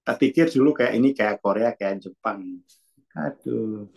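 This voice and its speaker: In a muffled recording, a man with a lowish, gravelly voice speaks Muna at an unhurried pace. He reflects casually on consciousness and self-development, musing aloud, correcting himself, and straying into many loose asides.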